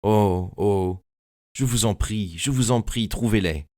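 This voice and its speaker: A hypnotized young woman, voiced by a man begs and falters, anxious and hesitant. His voice stays deep, and the audiobook sound is dry and close. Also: slow pace, warm tone, dry recording. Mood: anxious pleading. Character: troubled wealthy young woman, hypnotized, pleading.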